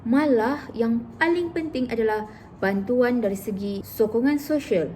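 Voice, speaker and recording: A woman's voice: a little high, a little slow, darkish tone, a little hiss or hum. Woman therapist giving chatty tips. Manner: chatty, explains through acted-out examples. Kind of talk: informal educational vlog talk.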